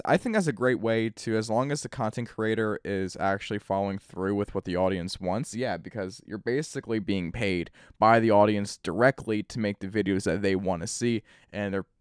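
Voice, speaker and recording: A man's voice: lowish voice, clean tone, no echo, studio quality. A man who makes gaming videos, ranting casually and rambling over gameplay with loose restarts. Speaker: gaming YouTuber.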